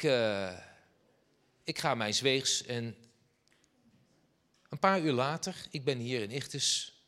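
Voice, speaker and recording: A man preaching, telling a personal story in a lively way and acting out the dialogue. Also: mid-range voice. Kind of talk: sermon anecdote. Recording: long hall reverb.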